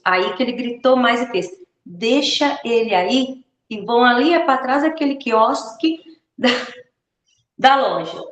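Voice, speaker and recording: A woman, a mother and teacher, telling a story casually and acting out the dialogue. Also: on the high side. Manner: animated, acts out dialogue. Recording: echoey room.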